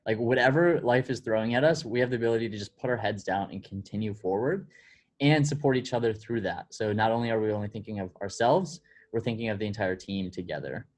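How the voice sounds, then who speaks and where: A man pitching his team in a determined, steady way. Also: fast talker. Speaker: team member.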